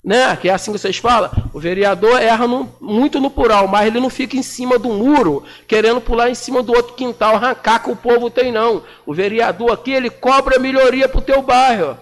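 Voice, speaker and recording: Indoors in a municipal council chamber, a man in his forties, a councilman from Brazil, speaks into a desk microphone with an extremely high-pitched voice, fairly quick and with few pauses. His floor speech is combative, indignant, and full of colloquial slang.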